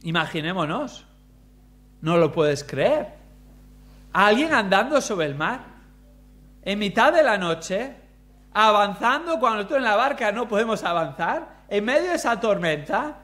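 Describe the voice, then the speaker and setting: A man preaching a sermon, expressive, using rhetorical questions and shifting pace for emphasis. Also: high-pitched, measured pace, pauses often.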